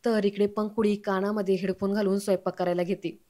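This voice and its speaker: A woman's voice: medium pitch, little pitch movement, a little fast, dark tone. A woman steadily recounting the episode of a TV serial as a storytelling recap.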